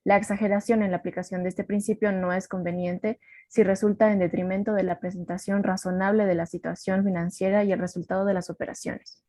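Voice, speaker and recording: A woman student reading a passage aloud in class, at a steady pace. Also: medium pitch, a little fast, no room sound.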